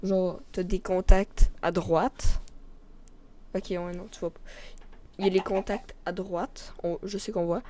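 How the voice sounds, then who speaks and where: A woman's voice: lowish voice, level tone, unhurried, mellow. A woman with a Québécois accent streaming a video game, chatting informally and in a rambling way straight to a viewer. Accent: Québécois French. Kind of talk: casual live stream chat.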